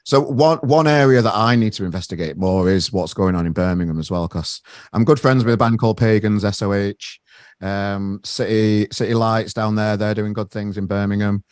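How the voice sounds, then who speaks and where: An interviewer and gig promoter from Sheffield, England, with a northern English accent chats casually with a band, often restarting his sentences and saying "mate." His voice is fairly low and darkish at a moderate pace, with no room sound.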